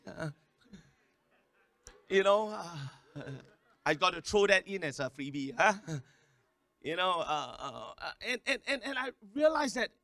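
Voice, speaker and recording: Bright-voiced pastor in his fifties. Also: high voice, no echo. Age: 50s. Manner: repeats words in quick stammering runs; calls the congregation to respond. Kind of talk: sermon.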